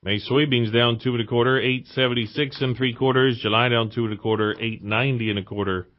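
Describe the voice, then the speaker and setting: American male market reporter reading commodity and stock prices, clipped delivery, medium pitch, slightly lo-fi radio sound. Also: steady tone, fast. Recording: slightly muffled radio broadcast.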